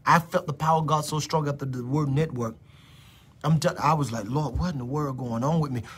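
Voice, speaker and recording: A middle-aged man preaching prophecy live over his phone, repeating phrases and swinging between loud declarations and whispers. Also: a little high, fairly quick, breathy edge.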